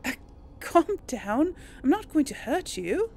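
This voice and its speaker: With a high, sing-song voice of darkish tone, a woman talks at a slow pace over video game music and slight background noise. She's the host of a role-play gaming series, offering casual, chatty commentary as she speaks to herself and to the game's characters.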